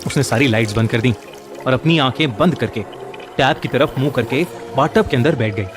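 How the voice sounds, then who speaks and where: गहरी आवाज़ में हॉरर कहानी सुनाता आदमी, पीछे संगीत. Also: male voice, medium pitch, brisk. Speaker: horror storyteller. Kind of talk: scripted narration of a horror story. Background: music.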